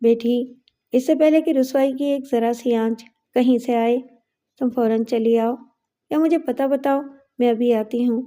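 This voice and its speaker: A woman's voice: a little high, steady tone, mellow, lightly acted. A woman voicing an anxious, loving middle-aged mother who pleads with emotion in a raised voice. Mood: urgent.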